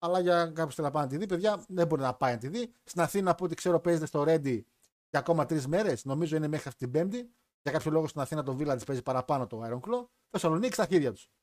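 Hosting a live wrestling chat stream, a man speaks in a fairly high, expressive voice with a slightly mellow quality. The podcast host jokes around and rambles, often starting over mid-thought.

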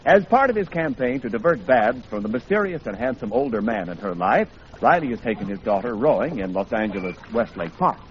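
A man's voice: medium pitch, very animated, brisk. A man announcing in a scripted 1940s radio style, with a polished, emphatic sales delivery. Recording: muffled old radio recording, faint hiss.

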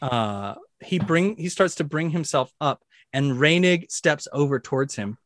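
A man running a tabletop game as dungeon master, narrating the brawl with excited energy and shouted sound effects. His voice sits a little high. The sound is dry and close. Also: measured pace, no room sound.

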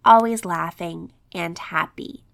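A woman hosting a true crime podcast reads scripted narration slowly in a fairly low, creaky voice. She's recovering from an illness, which leaves her a bit scratchy, and her script includes quotes and statistics.

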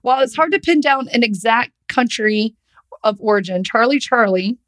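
A woman's voice: a little high, lively intonation, moderate pace, fairly bright tone. A woman co-hosting a podcast, joking and swearing freely as she reads out game steps and notes. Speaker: podcast co-host. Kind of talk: casual chat.

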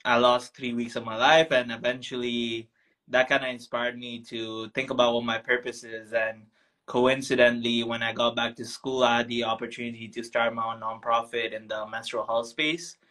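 A young adult man from Tanzania, a founder, appears as a guest in a casual interview, sounding reflective and full of ums and restarts. His medium-pitched voice is flat and sharp-toned at a moderate pace. The recording is rough.

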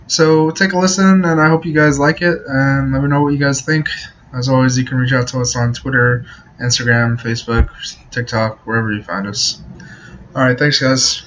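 A man giving a casual, hesitant off-the-cuff intro as a podcast host, recorded in low quality on a laptop microphone. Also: fairly even intonation, moderate pace, fairly bright tone, highs cut off, a little hiss or hum. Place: at work. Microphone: built-in laptop microphone.

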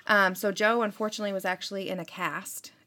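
Chatty woman with a bright edge. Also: medium pitch, steady tone, fast. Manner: chatty, filler-heavy, frequent "like" and "um". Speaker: podcast host. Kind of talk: casual true-crime storytelling.

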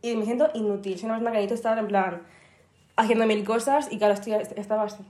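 A young woman chats as a podcast guest. She talks at a middling pitch and leans on lots of fillers. The small room around her is echoey. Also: steady tone, very fast, mellow. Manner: chatty, filler-heavy. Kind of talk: casual podcast chat.

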